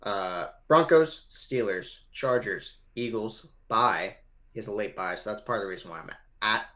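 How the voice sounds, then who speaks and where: A young man with a lower voice chats about fantasy football in an easygoing, animated way. He talks loosely, with the odd curse word thrown in. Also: moderate pace. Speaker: podcast co-host. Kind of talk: casual sports chat.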